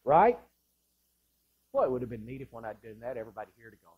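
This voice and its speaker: Husky-voiced preaching pastor. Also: male voice, medium pitch, very animated, fast talker, narrow, tinny audio. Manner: impassioned preaching, swinging from loud to hushed. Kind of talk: sermon. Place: church sanctuary, indoors.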